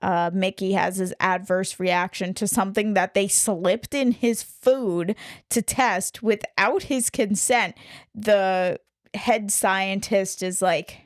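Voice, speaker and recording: A woman co-hosting a relaxed film podcast, talking through ideas with sarcastic asides and frequent laughs. Her voice sits at a middle pitch. It is recorded dry, with little room sound. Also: slow pace, no echo. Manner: sarcastic, explanatory, laughs often. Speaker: podcast co-host. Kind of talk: casual film discussion podcast.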